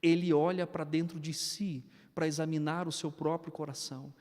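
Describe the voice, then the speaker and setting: A Brazilian man in his thirties, a pastor preaching a sermon, telling family stories and acting out their dialogue in a lively way. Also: on the high side, moderate pace. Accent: Brazilian Portuguese. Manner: animated storytelling, acts out family dialogue. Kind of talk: sermon with personal anecdotes. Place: church sanctuary, indoors. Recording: long reverb of a church hall.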